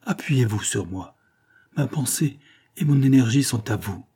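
A man reading an ardent young man who speaks earnestly and imploringly, in a low, husky voice. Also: lively intonation, unhurried, mellow. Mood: pleading. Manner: fervent, imploring.

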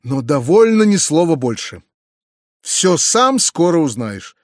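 A man voicing a kind, excitable middle-aged uncle who gushes, hurries and stammers. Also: fairly high pitch, measured pace, no echo, studio quality. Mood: gushing.

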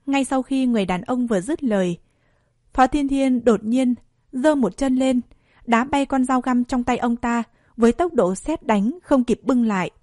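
A woman narrating a dramatic story in a steady storytelling voice. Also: on the high side, normal speed, no echo, studio quality.

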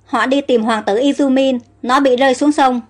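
A woman reading the lines of a scheming, wicked noblewoman who gloats and plots in hushed tones, in a storybook narration. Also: high-pitched, steady tone, moderate pace, soft background music. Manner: gloating, conspiratorial. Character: scheming wicked middle-aged aunt, gloating.

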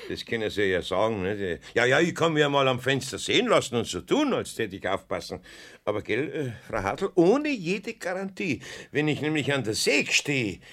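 An actor playing a good-natured, hesitant older Bavarian master carpenter in a children's radio play, easygoing, with mumbled asides. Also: male voice, mid-range voice, very animated, normal speed, fairly bright tone. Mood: reluctant, good-natured.

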